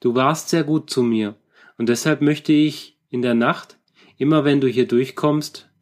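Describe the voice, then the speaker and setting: A man reading a storybook, voicing a grateful male ghost with a soft, gentle voice. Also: medium pitch, fairly even intonation, a little slow, lightly acted.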